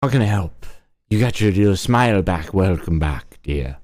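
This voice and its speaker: A man streaming from home in casual chat, jokey and animated, talking to his viewers and his pets. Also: low-pitched, moderate pace. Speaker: streamer and voice actor. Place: at home, indoors.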